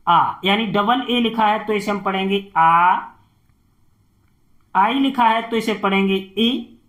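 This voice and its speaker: A man's voice: high voice, fairly bright tone. A male tutor giving a spoken lesson, patiently spelling out letters and their sounds one at a time.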